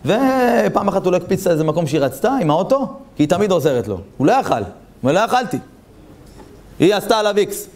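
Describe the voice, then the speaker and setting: A male rabbi giving an animated Torah talk, telling stories and asking his listeners rhetorical questions. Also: high-pitched.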